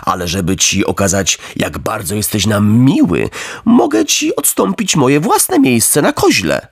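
A man's voice: lowish voice, wildly swooping pitch, measured pace, creaky, husky, no room sound, clean studio sound, full character voice. A man voicing a small, plump, fawning coachman who speaks in a honeyed, ingratiating way.

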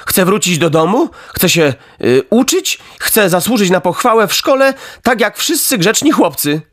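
Brief: a man playing a puppet boy, high and earnest, pleading, storybook figure. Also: sing-song, moderate pace, a bit bright, no room sound, clean studio sound. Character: wooden puppet boy, eager yet wavering.

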